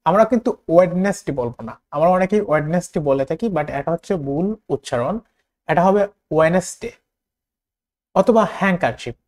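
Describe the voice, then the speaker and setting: A man with a Bangladeshi accent teaching a spoken English lesson, repeating words slowly for learners to copy. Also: a little high, a little mellow.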